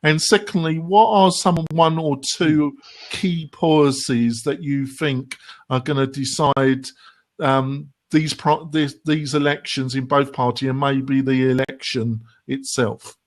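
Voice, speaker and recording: English male host, mid-pitched, sardonic and rambling, plenty of ums. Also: steady tone, takes it slowly. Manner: sardonic, filler-heavy questioning. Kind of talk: casual panel discussion.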